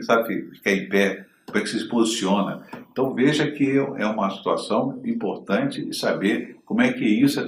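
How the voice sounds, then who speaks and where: A man's voice: mid-range voice, echoey room, slight background noise. A man teaching communication to the camera, often checking in with his listeners through short questions. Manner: didactic, asks listeners frequent check-in questions. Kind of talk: direct-to-camera lesson.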